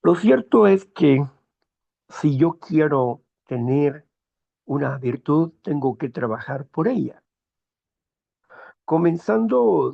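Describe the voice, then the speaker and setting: A man hosting a morning talk program, speaking in a slow, measured, moralizing monologue with personal anecdotes. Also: a little high, gravelly, highs cut off. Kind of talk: reflective monologue.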